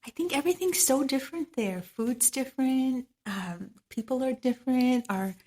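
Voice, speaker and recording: A woman's voice: sits high, moderate pace, darkish tone. Trinidadian woman, reflective podcast guest. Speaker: guest, medical esthetician. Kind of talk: podcast interview.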